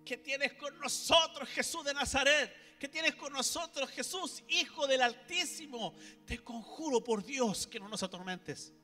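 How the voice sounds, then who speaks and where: A man voicing a tormented male demon who cries out slowly, begging not to be tormented. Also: high voice, flat delivery, a bit bright, in a large hall, faint music behind. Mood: crying out. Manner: crying out, slow and beseeching.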